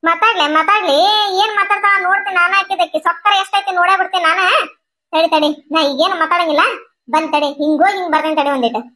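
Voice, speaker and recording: A woman voicing a sharp-tongued, stingy old mother-in-law in a cartoon, nagging and scolding in a North Karnataka Kannada accent. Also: very high voice, fast. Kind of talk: cartoon voice acting.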